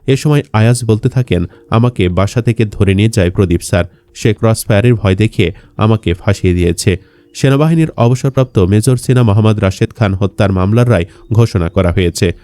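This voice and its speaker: Man, low-pitched voice, dark mellow tone, scripted news narration. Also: a little fast, no echo. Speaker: news narrator for an online video channel.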